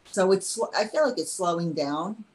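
A woman talks casually as an interview guest. Her voice sits a little low in pitch. There is faint noise behind her in the recording. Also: lively intonation, normal speed, darkish tone, rough recording. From New York, United States. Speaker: podcast guest, miniaturist. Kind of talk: casual chat. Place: home studio.

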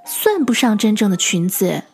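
A woman teacher narrating children's stories in a gentle, expressive, sing-song way and speaking directly to young listeners. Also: medium pitch, moderate pace, breathy edge, soft background music. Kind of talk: storytelling for children.

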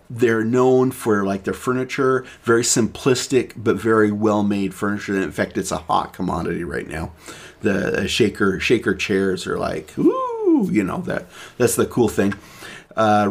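A man's voice: on the low side, fairly even intonation, moderate pace, gravelly. Rambling man hosting a podcast. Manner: rambling, many restarts and fillers. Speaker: podcast host presenting the topic. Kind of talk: casual podcast chat.

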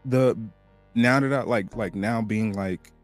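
A man appearing as an actor guest in a casual chat, talking haltingly with many fillers. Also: fairly low pitch, faint music behind.

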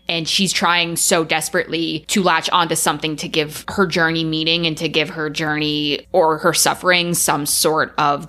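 Woman, low-ish voice, casual podcast co-host, excitable and emphatic. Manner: excited, emphatic, swears freely. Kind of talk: casual film discussion.

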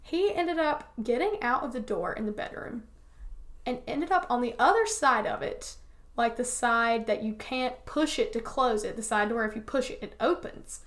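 A woman's voice: a little high, moderate pace, fairly bright tone. A young woman co-hosting a podcast, telling a story in a chatty, casual way with lots of "like" fillers. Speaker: podcast co-host.

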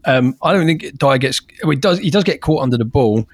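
A man's voice: mid-range voice, animated, a little fast, breathy edge, no echo. A man on a fan podcast talking football in a casual, thoughtful way, often restarting his sentences. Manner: thoughtful, repeats words when starting. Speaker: podcast co-host.

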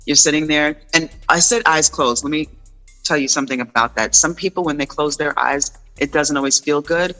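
A man's voice: on the high side, a little fast, sharp tone, faint music behind, rough recording. A man explaining things conversationally, like a wellness coach, in an encouraging, informal way with short emphatic phrases. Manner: encouraging, reassuring. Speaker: meditation and wellness guest.

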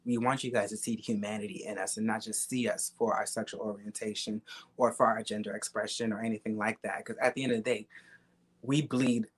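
A man's voice: lowish voice, level tone, a little fast, breathy edge. A young man speaks. His talk is casual and candid, full of slang and swearing, and he drives points home by repeating them. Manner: emphatic, repetitive, slangy and profane.

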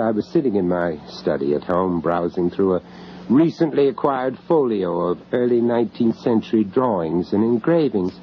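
This first-person radio horror narration comes from its lead character, an urbane yet uneasy foreign art gallery owner in London recounting his eerie tale. His mid-range voice is widely expressive, his mood measured and intrigued, and he's reflective and somewhat hesitant, with chuckles in dialogue. The old recording is muffled and dull, with faint background noise.

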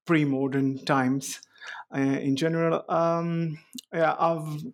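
A man's voice: on the high side, level tone, slow pace. A man from Greece, a historian guest on a podcast interview, speaking with many fillers and restarts.

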